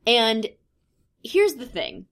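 Her voice swings widely in pitch yet stays lower overall, drifting into vocal fry as she talks very slowly. She's a woman in her thirties co-hosting a podcast, chatting casually in a thoughtful, hesitant way full of ums.

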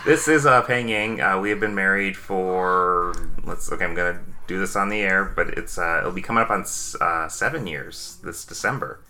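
A man's voice: deep voice, normal speed, hardly any pauses, sharp tone. A man, hosting a casual podcast chat and rambling with many fillers. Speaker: podcast host.

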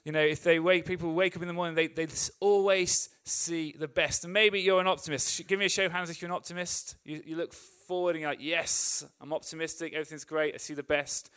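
A man's voice: high voice, fairly even intonation, fast, hardly any pauses, fairly bright tone, clean tone. An English man preaching a sermon, talking to a crowd in a chatty way with joking asides and acting out voices as he goes. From England. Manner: acts out optimists' voices with rising energy.

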